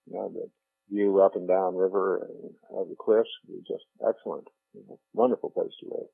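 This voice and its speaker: An older man reminisces haltingly as an interviewee in an oral history. His low voice is creaky and a little husky, with frequent pauses and repeats. He comes through a narrow, humming telephone line. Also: fairly even intonation, no echo. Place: on a telephone call. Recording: muffled telephone line with electrical hum.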